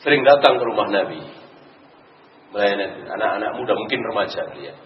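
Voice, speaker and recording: A man's voice: lowish voice, animated, fairly quick. A man preaching an Islamic lecture, asking rhetorical questions and explaining Arabic verses. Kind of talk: religious lecture. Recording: roomy, distant, dull recording with faint noise.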